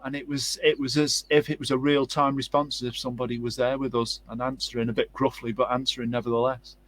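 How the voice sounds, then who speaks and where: Man, interview host, mid-pitched voice, rambling, lots of affirming yeahs. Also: level tone, fast talker, a bit bright, slight background noise. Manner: rambling storyteller, frequent affirmations. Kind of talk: casual interview.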